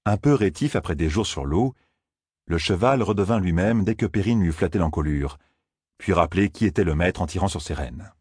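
A man narrates a fantasy audiobook in a low, husky voice. His storytelling is steady and even. The sound is close and dry, with no room tone. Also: a little fast, no echo.

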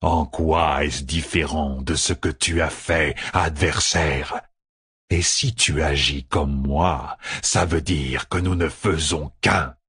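A man voicing an ancient evil dark being, cold and patient, speaking in a slow, low, menacing drawl. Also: fairly even intonation, breathy edge, no room sound, studio quality, heavily acted. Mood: cold, mocking.

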